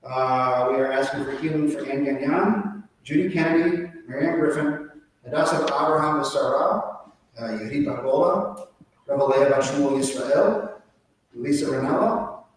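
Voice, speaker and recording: In a large, very echoey synagogue hall, a man with a slightly high voice leads a live service at a moderate pace. His sermon and prayer leading are informal and conversational, often repeating and rephrasing, captured by a distant mic with faint noise.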